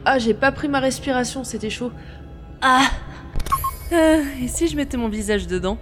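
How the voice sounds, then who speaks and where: A woman's voice: high voice, normal speed. A woman dubbing a game's heroine, who trips over her words and jokes about the slips, with game music playing behind her. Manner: stumbling on words, self-mocking. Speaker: fan dubber playing the heroine. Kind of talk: game fan dub with asides.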